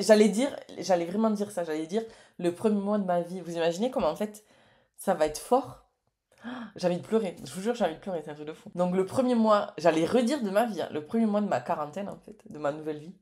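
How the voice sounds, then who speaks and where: A woman's voice: mid-range voice, dark tone. Chatty, effusive woman in her late thirties. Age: late 30s. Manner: chatty and effusive, many hesitations. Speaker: entrepreneur and vlogger. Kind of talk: casual vlog chat to camera.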